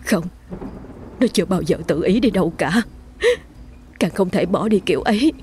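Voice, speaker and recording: A woman's voice: fairly low pitch, fairly quick, darkish tone, natural voice. A woman voicing a frantic middle-aged village mother who stammers with anxiety. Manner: anxious, stammering.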